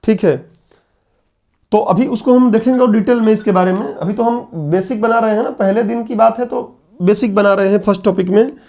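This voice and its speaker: At a whiteboard, a middle-aged man lectures his class in a notably high voice made rough by a sore throat, sounding brisk and a little mellow. He moves through the lesson point by point, throwing questions at the students and then answering them himself.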